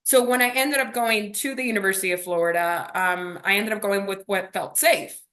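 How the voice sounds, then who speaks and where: A woman from Miami, USA, a native Spanish speaker, tells her personal story as an interview guest. Her medium-pitched voice is fairly bright and a little fast, and she speaks reflectively, often checking in with short rhetorical questions.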